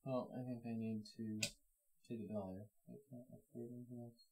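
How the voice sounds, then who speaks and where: A woman with an unusually deep voice plays a board game alongside the host. She speaks in a low-key way and drops dry remarks between turns. The talk is casual and relaxed. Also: a little fast, background noise.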